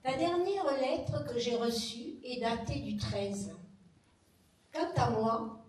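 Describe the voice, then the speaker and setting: Slow high-voiced woman reading letters. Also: lively intonation, darkish tone. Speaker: reader of wartime letters. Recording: echoey room, voice from far off.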